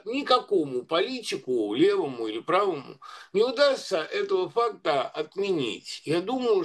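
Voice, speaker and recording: High-voiced discursive man. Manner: discursive, many hesitations and restarts. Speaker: guest commentator. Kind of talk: conversational commentary.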